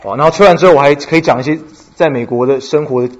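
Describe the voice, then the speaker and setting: A man giving an animated church testimony, telling stories and slipping English phrases into his talk. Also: a little high, racing, muffled recording. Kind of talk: sermon testimony.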